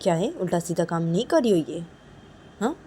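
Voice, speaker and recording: A woman voicing a suspicious young woman who nags and accuses in a low, quiet voice, ending her sentences with a questioning "haan?". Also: very animated, brisk, a little hiss or hum. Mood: accusing. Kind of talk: one-woman voiced romance story.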